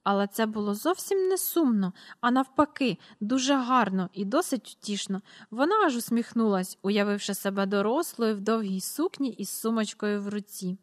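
A woman reading a storybook aloud in a steady voice, announcing the page numbers as she goes. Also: medium pitch, moderate pace, hardly any pauses. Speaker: reader.

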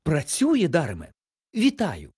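A man's voice: a little high, wildly swooping pitch, measured pace, a little mellow, breathy edge, dry recording, clean studio sound, voice pushed up, heavily acted. A man voicing a kindly, scholarly male bear in a storybook, polite, fussy and easily embarrassed. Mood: cheerful. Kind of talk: storybook character voice.

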